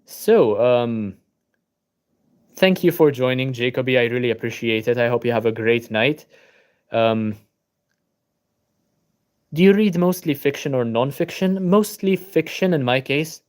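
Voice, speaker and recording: This book channel livestreamer is a tired young man from Malta, a native Maltese speaker, chatting from home at his laptop as he reads and replies to viewer comments. His medium-pitched delivery is a little slow with frequent pauses, relaxed and full of ums, and he greets viewers by name.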